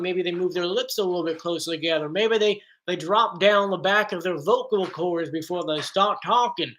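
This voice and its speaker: Bright, lively man hosting a live stream. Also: high voice. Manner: chatty and excitable, reads chat comments aloud. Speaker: host. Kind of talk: casual live-stream commentary.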